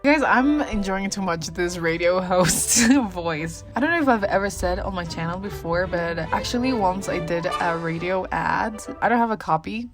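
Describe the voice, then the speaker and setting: Chatty, giggly young woman vlogger. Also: fairly low pitch. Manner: chatty, giggly, full of asides and "like". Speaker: beauty vlogger. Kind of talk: casual chat reading viewer stories aloud.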